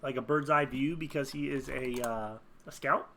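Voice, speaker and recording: A man's voice: mid-range voice, moderate pace, bright, forceful tone, a little hiss or hum. A man thinking aloud as he builds a game character, rambling, muttering and chuckling at his own jokes while he types. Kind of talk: casual thinking aloud while searching online.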